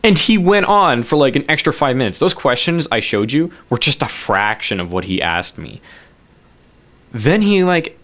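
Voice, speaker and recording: A man's voice: mid-range voice, sing-song, normal speed, a bit bright. Young male student reporter, sarcastic and mock-dramatic, mid-range voice. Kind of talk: vlog-style news feature.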